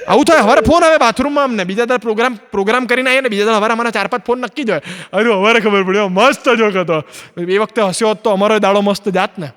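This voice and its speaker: A man doing stand-up comedy in a large hall, his voice ringing out with a long echo. He talks quickly and sits high in his range, switching between himself and the other people in his stories as he tells them. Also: fairly bright tone. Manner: acts out both sides of dialogues in his stories. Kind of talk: stand-up storytelling on stage. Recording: long hall reverb from an auditorium.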